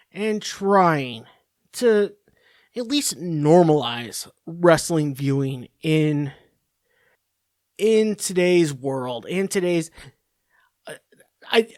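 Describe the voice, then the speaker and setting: In a clean studio recording with no room sound, a man with a fairly high voice hosts a podcast. He rants through a rambling, sarcastic, profanity-filled monologue.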